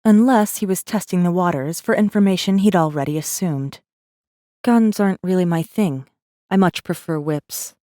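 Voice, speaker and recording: Lowish and mellow, this woman's voice keeps a moderate pace in a studio-quality recording free of room sound, only lightly acted. Playing a wary rebel messenger with a wry streak, she tells her own story in first person for a space fantasy audiobook, intimate, sardonic, guarded and brooding.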